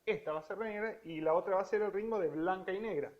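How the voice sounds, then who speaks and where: High-voiced Rioplatense man teaching piano. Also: dull audio, noisy background. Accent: Rioplatense Spanish. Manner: explanatory, counts rhythms aloud while playing, drawn-out stressed words. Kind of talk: piano lesson, counting beats aloud. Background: piano playing.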